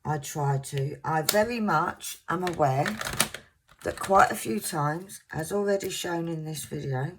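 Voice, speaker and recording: A crafting vlogger in her fifties, originally from Scotland, chats to her viewers in a soft, low voice with a mixed southern English accent. She's unhurried, casual and rambling, sometimes stumbling over words, with background noise behind her.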